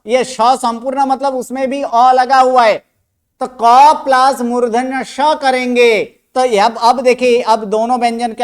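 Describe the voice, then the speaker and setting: With a smooth, mid-range voice, this teacher leads a language class online, posing question after question and saying each sound aloud to drill pronunciation.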